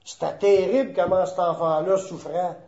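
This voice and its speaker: A man's voice: high voice, fairly even intonation, normal speed, dark tone, roomy sound, highs cut off. A man with a Quebec French accent preaching a sermon, emphatic and repeating key phrases for weight.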